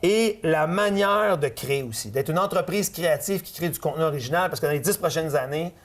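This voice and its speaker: A middle-aged man with a Quebec French accent, a guest in a casual interview who talks at length and drops low to land his points. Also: expressive, fairly quick.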